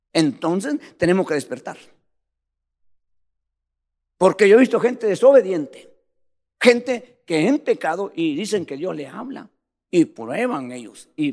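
A man's voice: a little high, sing-song, takes it slowly, vocal fry, pauses often, a little mellow, in a large hall. A man preaching a sermon in a fervent, emphatic way, speaking straight to the congregation.

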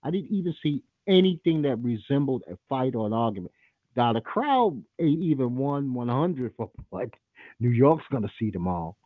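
A man's voice: mid-range voice, big pitch swings, normal speed, no echo, phone-quality sound. A man hosting a call-in show, talking in a blunt, profane and opinionated way. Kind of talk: casual call-in radio talk.

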